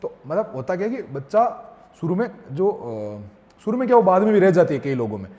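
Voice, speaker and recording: A man telling a lively family story on a podcast, acting out his own lines and his child's. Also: sits high, fairly quick. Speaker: father talking as podcast guest. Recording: long reverb.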